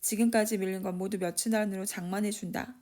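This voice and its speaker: A man's voice: high-pitched, fairly even intonation, fast, a little mellow, close to an everyday voice. A woman voicing a drunken, boastful one-armed father who rambles and scolds in Gyeongsang dialect. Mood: drunk scolding.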